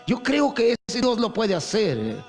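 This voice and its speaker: A male preacher delivers an impassioned sermon in a high voice. His pitch leaps and falls as he acts out stories. Faint music plays underneath. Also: huge pitch swings, a little slow. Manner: impassioned, storytelling with acted quotes.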